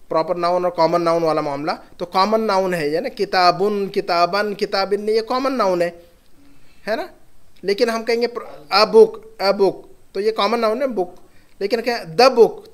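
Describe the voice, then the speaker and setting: A man's voice: sits high, brisk, clean tone. A man teaching an Arabic grammar lesson, patiently repeating example words and sentences.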